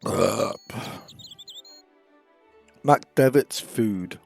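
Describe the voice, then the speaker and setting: A man's voice: lowish voice, very slow, creaky, a little mellow, faint music behind. A man streaming a game playthrough, cracking sarcastic, jokey asides over the game. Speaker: streamer, host.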